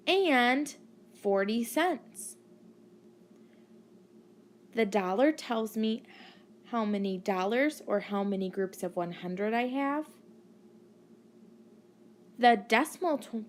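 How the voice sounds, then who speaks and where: High, very slow woman teaching children counting. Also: slight background noise. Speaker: primary school maths teacher. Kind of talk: scripted lesson narration for children.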